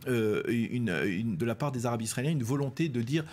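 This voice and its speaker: A man giving analysis on a TV news panel, measured and hesitant, pausing often with fillers. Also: medium pitch, a little mellow. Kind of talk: TV news debate.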